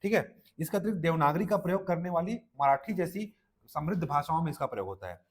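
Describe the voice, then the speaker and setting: A man's voice: fairly high pitch, expressive, quick pace, husky. A man with a Chhattisgarhi Hindi accent giving a classroom lecture for exam students, checking in with "okay" and quizzing his listeners. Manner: repeats "ठीक है" and quizzes listeners. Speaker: exam-prep Hindi teacher.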